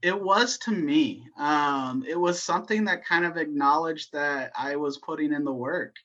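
A man being interviewed as a guest, telling his story in an animated, casual way with frequent laughs. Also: fairly high pitch, moderate pace, highs cut off. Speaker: guest, educator.

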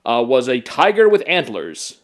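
A man's voice: medium pitch, wildly swooping pitch, moderate pace. A young man co-hosting a podcast, talking casually about movies, hesitant and full of restarts. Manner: hesitant, many fillers and restarts. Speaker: podcast co-host.

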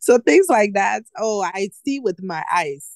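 Woman host, casual and animated, quick to laugh, dry close-miked sound. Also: medium pitch, creaky, no room sound. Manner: animated, laughs often, slangy asides. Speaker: podcast host. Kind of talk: casual chat.

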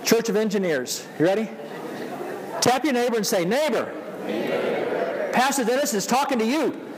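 A male pastor with a Georgia Southern accent delivers a sermon in a high-pitched voice. He repeats key phrases and prompts listeners to answer him. His voice rings through a large hall with long reverb. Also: lively intonation, fairly quick, crowd noise. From Georgia, United States. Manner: call-and-response, repeats phrases for emphasis. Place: church, preaching to a congregation.

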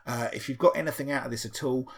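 A man's voice: mid-range voice, fast talker, vocal fry, husky. A man hosting a casual podcast quiz special, reading out answers in a loose, sweary and sardonic way with plenty of fillers. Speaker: podcast host.

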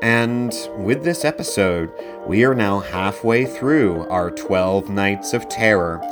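A man's voice: on the low side, expressive, slow pace, music in the background. A man hosting a casual film review podcast, talking conversationally and leaning into his recommendations with emphasis. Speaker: podcast host.

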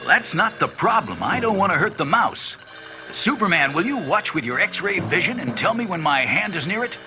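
An actor voicing a kindly, bouncy stretchy superhero in a cartoon toy commercial. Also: male voice, high-pitched, big pitch swings, moderate pace, music in the background. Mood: earnest, playful.

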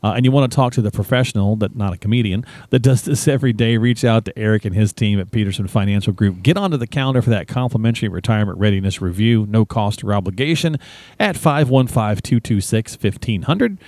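A man's voice: lowish voice, fast talker, few pauses, a little mellow, no room sound. A man co-hosting a podcast, chatty and easygoing, asking questions. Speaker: podcast co-host. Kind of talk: casual podcast chat.

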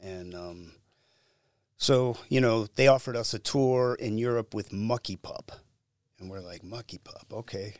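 A middle-aged man telling stories casually in an interview, lively and acting out the lines he quotes. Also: lowish voice, a little slow, no echo, studio quality. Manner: animated, acts out quotes. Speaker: musician guest.

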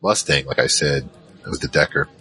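In an audio drama, a man with a very deep, pushed and bright voice plays a laid-back, nerdy troll mage. At a moderate pace, the character narrates his own tale in the first person, rambling and slangy, with wry nostalgia.

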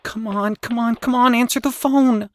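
A man doing a nervous high-voiced young boy. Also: huge pitch swings, moderate pace, no room sound, clean studio sound, exaggerated voice. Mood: frantic. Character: anxious young boy, cautious and easily frightened.

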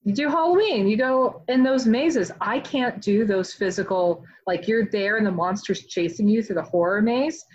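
A woman talks in a casual interview, chatty and animated, often reaching for "like" as she goes. Her voice sits at an ordinary middle pitch. The recording sounds a bit dull and lo-fi. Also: normal speed, hardly any pauses. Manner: chatty and animated, many "like" fillers. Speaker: author being interviewed.

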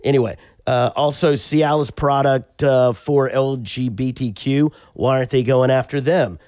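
A man's voice: mid-range voice, moderate pace, a little mellow, dry recording, clean studio sound. A man hosting a comedy podcast with an American accent, crude and joking as he runs through the lineup and topics. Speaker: podcast host. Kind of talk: casual comedic chat.

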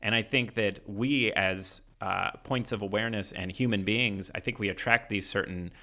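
A man's voice: lowish voice, steady tone, normal speed, bright, forceful tone. A man in his thirties hosting a casual chat, musing in a laid-back way and laughing easily. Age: 30s.

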